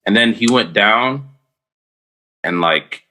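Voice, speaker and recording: A man's voice: on the low side, animated, slow pace, sharp tone. A man co-hosting a podcast in casual chat, laid-back, telling stories with voiced asides. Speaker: podcast co-host.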